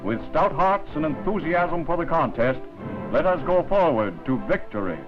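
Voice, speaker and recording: A man's voice: on the high side, animated, normal speed. A man narrating a wartime newsreel in the rousing, declamatory announcer style of the 1940s. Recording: muffled 1940s newsreel soundtrack, loud music.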